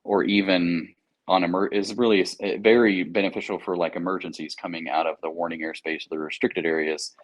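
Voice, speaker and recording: Talking a little fast in a low, level tone, this American interview guest is an air traffic controller. His casual explanations are anecdotal and full of slang.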